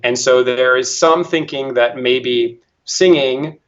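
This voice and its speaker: A man's voice: mid-range voice, slow, a bit bright. Lo-fi teacherly man explaining. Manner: careful, teacherly, demonstrates voice techniques aloud. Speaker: voice teacher and guest. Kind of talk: explanatory interview answer.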